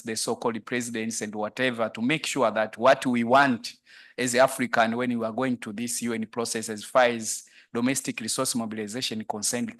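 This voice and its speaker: A man's voice: medium pitch, a bit bright. A man from Tanzania speaking from the floor at a conference, rambling and hesitant with many fillers. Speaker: audience member asking a question.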